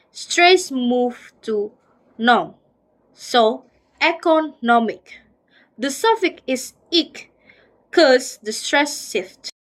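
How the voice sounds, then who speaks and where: A woman's voice: sits high, a bit bright, low-quality recording. A woman with an Indonesian accent, a student reading a phonology exercise aloud and sounding out words syllable by syllable. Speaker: student presenter.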